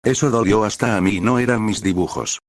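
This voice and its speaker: A man's voice: lowish voice, a little fast, no echo, clean studio sound, lightly acted. A man reading a whiny, jumpy young swordsman. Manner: whiny and complaining.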